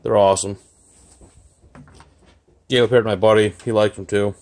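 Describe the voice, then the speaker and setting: A fairly low, level, slightly mellow male voice at normal speed belongs to a vlogger filming his garage and yard on his phone. He rambles offhandedly with fillers in a casual walkthrough vlog, partly outdoors, with the phone held as he films.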